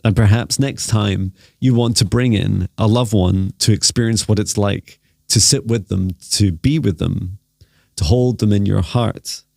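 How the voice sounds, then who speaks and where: A man speaking as a trance medium in a seance, giving guided spiritual talk in a deliberate, measured, trance-like manner. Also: on the low side, vocal fry, a little mellow, no room sound, clean studio sound. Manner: slow, deliberate, trance-like delivery with measured phrasing. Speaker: trance channeler.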